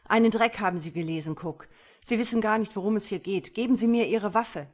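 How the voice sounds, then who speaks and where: A woman's voice: fairly low pitch, moderate pace, lightly acted. A woman voicing a hard-pressed male commanding officer who barks raised commands. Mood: angry.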